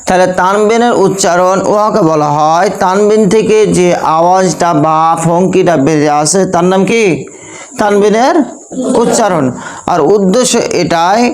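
A young Bangladeshi man with a high-pitched voice and a Bangladeshi Bengali accent teaches a class Quran recitation at a moderate pace. He repeats every point and poses rhetorical questions to his students in a call-and-response lesson. The audio quality is poor.

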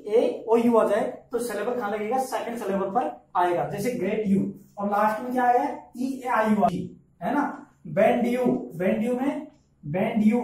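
A man's voice: very high-pitched, a little mellow. Echoey teacher quizzing his class. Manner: repeats words slowly, quizzes listeners with questions. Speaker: English teacher. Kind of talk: classroom lesson in Hindi. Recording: echoey room, from far off.

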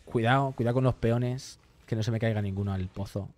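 A man's voice: fairly low pitch, fairly even intonation, fairly quick, darkish tone. A young man streaming a game live, chatting with viewers, reading their messages aloud and swearing often. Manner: chatty, swears often, reads and answers chat. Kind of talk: live gameplay commentary.

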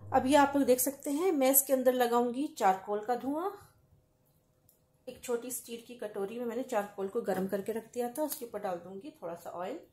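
A woman hosting a home cooking channel, calmly explaining each recipe step to viewers in a voice-over. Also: on the high side, moderate pace, roomy sound, a little hiss or hum. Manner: calm step-by-step explaining, addresses viewers directly. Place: home kitchen.

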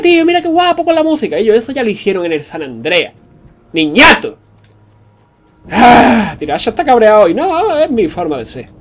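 A man commentating a video game, excitable, swearing and joking to his viewers. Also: on the high side. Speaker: gaming commentator. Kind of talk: let's play commentary.

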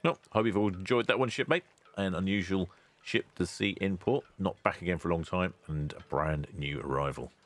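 Host VO: very low male voice, casual and wry, cheery sign-offs. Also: a little fast. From England. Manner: chatty, dry asides, loud cheery greetings. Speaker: ship-spotting channel host. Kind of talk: relaxed voice-over narration.

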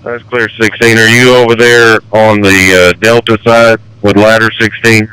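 Casting: male fire chief on two-way radio, low forceful voice, urgent clipped commands. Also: little pitch movement, moderate pace, clear, resonant tone, no room sound, rough recording. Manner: terse, directive, urgent.

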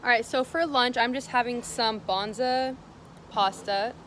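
A woman's voice: a little high, unhurried, fairly bright tone, a little hiss or hum. Young woman, casual vlogger, chatty and rambling, kitchen clatter behind. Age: young adult. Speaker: fitness vlogger. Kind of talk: casual vlog chat. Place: home kitchen.

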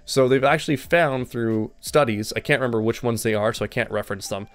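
A man's voice: medium pitch, a little fast, smooth. A man coaching a player, giving direct instructions and repeating key points. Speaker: gaming coach. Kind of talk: coaching session with game review.

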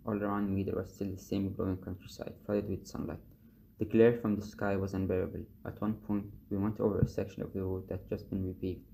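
A man reading a novel excerpt aloud in the first person, at a measured and steady pace. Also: lowish voice, gravelly, slight background noise. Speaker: reader of a book excerpt.

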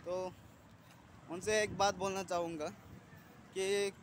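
A man in his thirties chatting casually to a handheld phone camera as he walks outdoors, rambling and often clearing his throat. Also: high-pitched, little pitch movement, slow. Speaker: vlogger. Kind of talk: casual walking vlog. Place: outdoors on a sunny city street. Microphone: phone camera held at arm's length. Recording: noisy street traffic outdoors. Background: passing traffic.

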